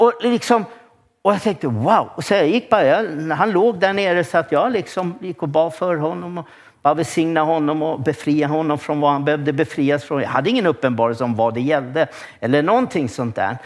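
A male pastor giving a church sermon, telling stories with lots of restarts and bursts of excitement. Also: fairly high pitch. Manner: lively storytelling with frequent restarts and rising excitement.

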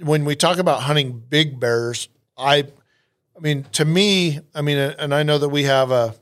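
A man's voice: on the high side, normal speed, fairly bright tone. A man hosting a casual podcast about hunting trips, talking in a rambling way with many restarts and fillers. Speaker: podcast host and hunting outfitter.

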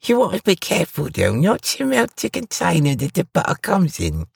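A jolly village baker from a storybook, chatty and amused as he explains a simple fix. The voice sits high and husky with a gravelly edge, and it leaps all over the place. It is dry and close, with no room sound. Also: wildly swooping pitch, moderate pace, no echo, full character voice. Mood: cheerful.

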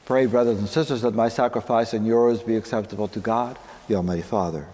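A man speaking as a priest, praying the Mass solemnly in measured, reverent phrases, with a long cathedral-like echo. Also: fairly low pitch, steady tone, mellow, slight background noise. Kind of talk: solemn liturgical prayer.

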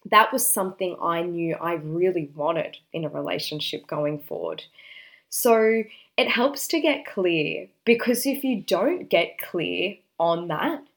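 Confident woman giving direct advice, lower-pitched. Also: expressive, unhurried, vocal fry. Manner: confident, direct, emphatic counselling. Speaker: dating advice host. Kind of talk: relationship advice talk.

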